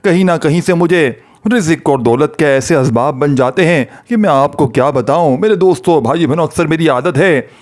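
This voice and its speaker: A man preaching in a fervent, pleading way, over and over calling out to his friends and listeners. His voice sits a little high for a man. He moves into an earnest prayer voice when he leads the blessing. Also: moderate pace, few pauses, darkish tone. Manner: pleading, repetitive addresses to friends. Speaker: religious preacher. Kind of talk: devotional talk to viewers.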